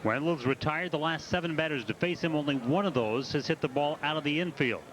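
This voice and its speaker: A man's voice: on the high side, fairly quick, a bit bright, rough recording. A man giving baseball play-by-play commentary in the role of the game's announcer. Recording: ballpark crowd behind the voice. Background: stadium crowd.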